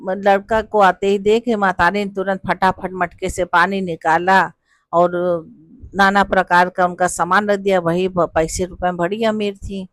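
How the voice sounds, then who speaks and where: Devotional folk tale storyteller, homely, rustic village words, medium pitch, dry close recording. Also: little pitch movement, unhurried, a bit bright, no room sound.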